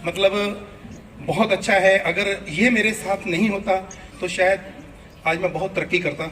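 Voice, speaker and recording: A man's voice: sits high, fairly even intonation, unhurried, over music. A middle-aged man doing live stand-up comedy. He chats and jokes, and he acts out the people in his stories. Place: event hall before an audience. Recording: live show with crowd noise. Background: audience laughter.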